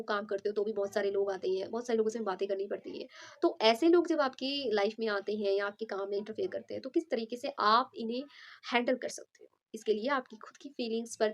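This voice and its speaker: A woman telling a simple motivational story in a casual, chatty way, with many fillers and restarts. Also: a little high.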